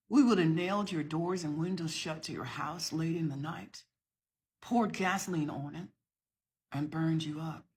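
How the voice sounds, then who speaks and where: Facing the camera, a middle-aged woman from the American South who makes social media content fires back at another video in an impassioned, emphatic rebuttal. She has a deep voice with a breathy edge.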